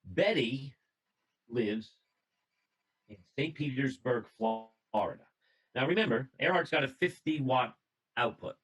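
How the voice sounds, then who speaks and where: A man presents an illustrated talk to a radio club via video call, using a computer mic, narrating conversationally, reading from notes and making small restarts. His medium-pitched voice is fairly bright and husky, slow, with long pauses. The recording is rough.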